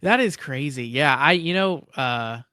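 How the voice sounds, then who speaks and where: A man co-hosting a podcast in casual chat, reacting to a story with laughs and quick remarks. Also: medium pitch, lively intonation, sharp tone, clear, resonant tone. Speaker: podcast co-host.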